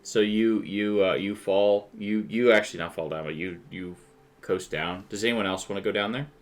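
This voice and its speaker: A man's voice: lowish voice, normal speed. A man running a tabletop game as game master, narrating and chatting conversationally with the players.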